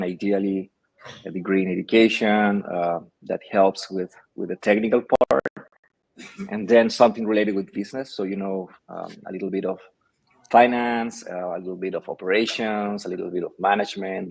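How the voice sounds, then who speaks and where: Guy on a video call, lowish voice, thinks out loud with lots of ums. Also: moderate pace, vocal fry, slightly rough, poor audio. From Chile. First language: Spanish. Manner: thoughtful, hesitant with many fillers. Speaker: guest, company founder. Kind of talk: casual interview answers.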